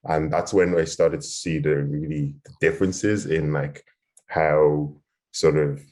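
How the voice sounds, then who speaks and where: A man's voice: a bass voice, fairly even intonation, takes it slowly, darkish tone. A young man, a panelist talking casually and hesitantly with lots of "like" on a video call. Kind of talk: casual conversation.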